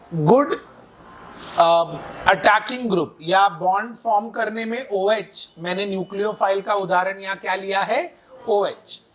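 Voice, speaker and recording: Man, chemistry teacher, high-pitched, slow and deliberate, classroom lecture, quizzing students, playful jokes. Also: a bit bright. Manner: quizzes students with repeated questions; mixes in playful breakup jokes.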